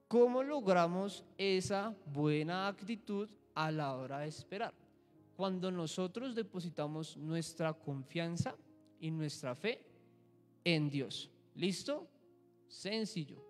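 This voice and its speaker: Young man teaching a church group. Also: sits high. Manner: asks the group questions, acts out examples. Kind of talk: interactive Bible lesson. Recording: echoey hall with faint music.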